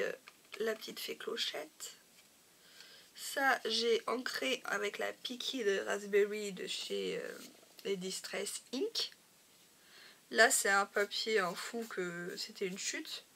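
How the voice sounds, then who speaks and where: Femme au timbre éraillé, un peu nasale. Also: female voice, medium pitch, creaky, slight background noise. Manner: hesitant, many fillers, drops to a soft whisper at times. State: slightly nasal from a cold. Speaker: crafting vlogger. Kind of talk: casual show-and-tell.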